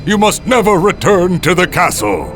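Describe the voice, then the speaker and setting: A man voicing a regretful hunter who speaks in a hushed, apologetic way. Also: sits high, very animated, normal speed, music in the background.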